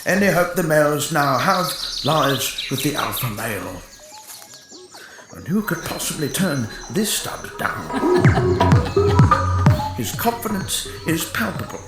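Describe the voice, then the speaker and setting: A man giving a mock-serious nature documentary narration in formal, measured phrases. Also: on the high side, very animated, reverberant. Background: music.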